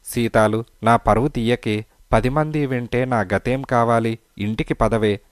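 A man's voice: lowish voice, normal speed, no room sound, lightly acted. A man voicing a desperate, blustering lawyer. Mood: placating. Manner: pleading and blustering. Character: desperate broke male lawyer, pleading.

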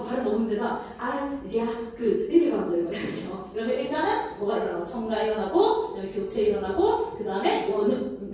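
A woman's voice: medium pitch, a little mellow, a little hiss or hum. A woman teaching a grammar lesson to a class, often checking in with her students. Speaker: Korean language teacher. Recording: echoey room, from a distance.

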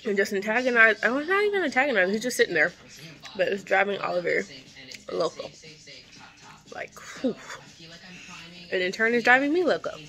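A woman's voice: medium pitch, sing-song, moderate pace, long pauses, pushed and bright. A young woman vlogging casually about her day, in chatty, slangy talk with casual swearing, recorded on a phone camera. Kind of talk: casual vlog chat. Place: home and car.

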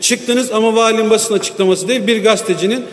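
A man's voice: sits high, fairly even intonation, quick pace. A man speaking into a lectern microphone at the rostrum of a large parliamentary chamber, defensively rebutting accusations point by point. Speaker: member of parliament. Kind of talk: parliamentary floor speech. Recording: echoey large hall with long reverb.

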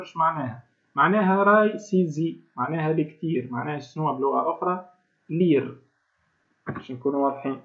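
A male teacher with a Tunisian accent, giving an online class and explaining step by step while quizzing the students. His voice comes through a choppy, low-quality online stream. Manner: explains step by step, keeps asking the class questions. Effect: choppy, low-quality online stream audio. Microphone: video call. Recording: tinny low-bandwidth online call audio.

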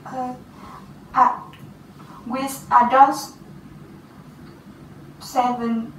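A teenage girl with a Vietnamese accent taking an English speaking test, halting and hesitant with restarts. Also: high-pitched, flat delivery, fairly bright tone, slight background noise. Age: teens. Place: small classroom office, indoors. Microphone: far camera. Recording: roomy, distant camera sound.

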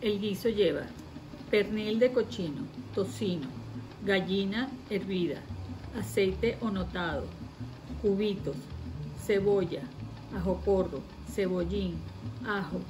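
An older woman with a Venezuelan Spanish accent listing the ingredients of a dish in a brisk, matter-of-fact way at a small shop. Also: medium pitch, low-quality recording. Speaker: hallaca maker. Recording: crowd and music behind.

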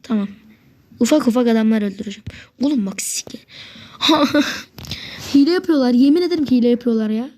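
A woman's voice: fairly high pitch, racing. A woman giving live gameplay commentary, swearing at opponents and getting worked up, sometimes dropping to a whisper. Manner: excitable, swears a lot, talks to opponents; drops to a whisper at times. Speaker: gamer.

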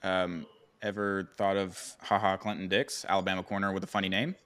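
A man's voice: sits low, level tone, brisk, fairly bright tone. A man co-hosting a casual sports podcast, making teasing, joking asides. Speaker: podcast co-host.

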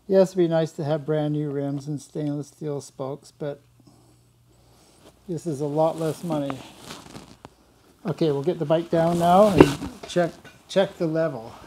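An older motorcycle builder casually walks through fabrication in his large workshop, explaining step by step in a plain-spoken way and often repeating words. His voice is on the high side and dark in tone, steady, a little slow and full of pauses. The recording is rough, with a little hiss or hum.

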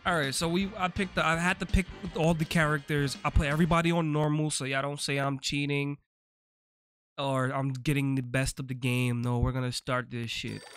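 A man's voice: a little high, normal speed, soft background music. A man giving casual, slang-filled commentary while playing a video game, swearing freely. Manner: laid-back, slangy, swears freely, gets excited. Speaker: gaming YouTuber.

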